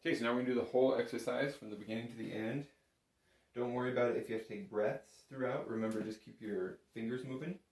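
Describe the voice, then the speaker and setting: Here the bagpipe instructor talks quickly in a mid-range voice with fairly even intonation, giving an informal, reassuring lesson. Background noise can be heard, and the room is echoey.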